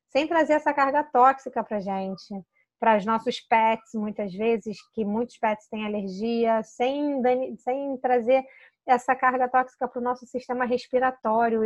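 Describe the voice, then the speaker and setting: Her pitch fairly high, a Brazilian woman who consults on essential oils explains product use in a casual talk to camera. She's chatty and persuasive, frequently adding tag questions and restarting sentences; the Brazilian Portuguese accent comes through audio with its highs cut off and no room sound.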